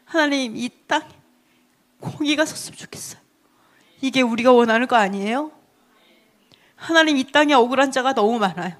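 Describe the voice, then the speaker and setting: A woman's voice: high-pitched, fairly quick, long pauses, fairly bright tone. A woman preaching a sermon in a chatty storytelling way, laughing often and asking her listeners questions. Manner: asks the audience questions.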